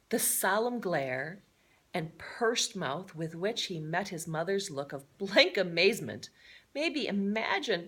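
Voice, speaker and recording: A woman with a high, fairly bright voice reads a children's story aloud theatrically as a storybook reader, adding chatty, playful asides.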